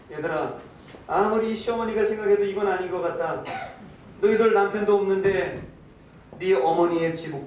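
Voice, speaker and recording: A male pastor telling a story in a sermon, acting out quoted lines and asking the congregation questions. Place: church sanctuary. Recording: echoey hall, distant mic, faint rumble.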